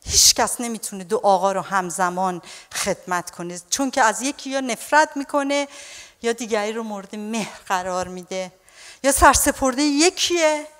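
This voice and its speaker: A woman pastor preaching an animated sermon, her voice high and bright in pitch. She keeps addressing the congregation warmly as dear ones, and the sound carries the long reverb of a church hall.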